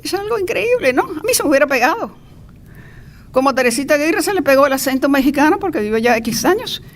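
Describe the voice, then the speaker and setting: An older Cuban woman with a Cuban accent introduces a lecturer in an informal, chatty speech full of playful asides. Her high voice moves quickly with lively intonation, and the live event recording is noisy.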